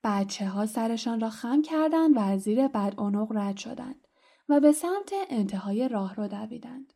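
A woman narrating a storybook aloud, acting out the characters' voices. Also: fairly high pitch. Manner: lively, acts out each voice. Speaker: audiobook narrator.

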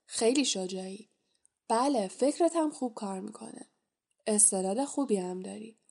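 A woman's voice: medium pitch, vocal fry, a little mellow. A woman reading the part of a sly, probing old male magical hat in an audiobook, musing and coaxing as it thinks aloud. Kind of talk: audiobook character voice.

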